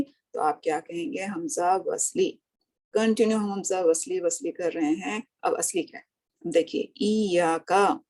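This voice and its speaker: A woman's voice: lowish voice, mellow. A woman teaching Arabic grammar in a recorded lesson, asking questions and answering them herself, drawing out each word she recites, with English words mixed into her Hindi. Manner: slow, patient, drawn-out recitation of words. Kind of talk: recorded lesson, explaining line by line.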